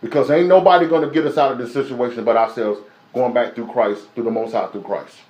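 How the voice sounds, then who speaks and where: A man's voice: mid-range voice, fast, darkish tone, highs cut off. A man preaching a live-streamed sermon, emphatic and repetitive, with many rhetorical questions. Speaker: preacher teaching a Bible lesson. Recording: echoey room.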